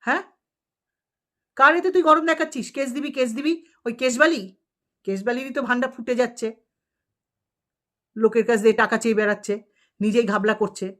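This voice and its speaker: A woman's voice: fairly high pitch, steady tone, a little fast, pauses often. A woman vlogger delivering an angry, scolding rant at a rival, full of insults and rhetorical questions.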